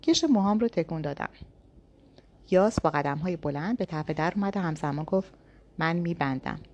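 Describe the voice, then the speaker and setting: A woman reads a novel aloud in the first person. Her voice is slightly low, and her telling stays calm and inward. She sounds like an audiobook narrator. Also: lo-fi sound.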